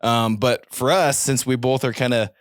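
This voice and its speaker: A man's voice: mid-range voice, steady tone, moderate pace, smooth, no room sound, studio quality. A man from Wyoming hosting a podcast, talking casually in a laid-back way with many fillers and laughs. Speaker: podcast host. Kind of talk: casual chat.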